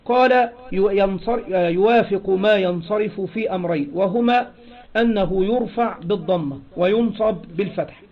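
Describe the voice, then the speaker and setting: A high-pitched man lecturing on grammar over a dull, lo-fi recording. He poses questions to the class and answers them himself, repeating each point. He reads quoted passages louder and more slowly. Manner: asks rhetorical questions and answers them, repeats key phrases. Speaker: Arabic grammar teacher. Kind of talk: classroom lecture explaining a text.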